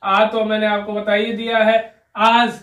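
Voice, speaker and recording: A high-voiced man leads a patient spelling lesson at an unhurried pace. He keeps checking that his learner is following and asks them questions along the way. His voice sits a little back from the mic in an echoey room. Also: monotone, fairly bright tone, recorded from a distance, highs cut off. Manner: patient, keeps asking "ठीक है ना" and quizzing the learner. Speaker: Urdu teacher. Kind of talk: slow spelling lesson at a whiteboard. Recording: roomy echo, voice a little off-mic.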